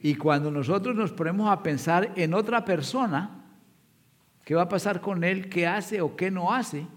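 A man's voice: high voice, moderate pace. A man preaching a sermon, retelling scripture as a story and speaking straight to his congregation. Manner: storytelling, addresses the congregation directly. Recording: long reverb of a large hall.

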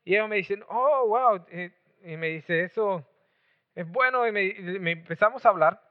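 A man's voice: high voice, normal speed. A man born in Mexico, preaching and telling a story with lots of chatty restarts. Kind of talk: storytelling sermon. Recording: tinny phone-like sound.

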